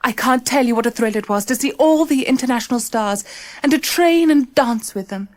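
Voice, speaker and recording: Lady reading as a hopeful young dancer girl, pretty high voice. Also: a little fast, close to an everyday voice. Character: young female ballet student, hopeful. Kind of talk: scripted exam monologue.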